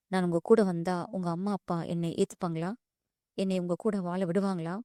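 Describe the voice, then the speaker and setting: A woman's voice: on the low side, warm tone, dry recording, clean studio sound, lightly acted. A woman voicing a proud young woman who answers firmly and respectfully. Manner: firm and respectful, calls him "sir". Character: proud young working woman, firm and hurt.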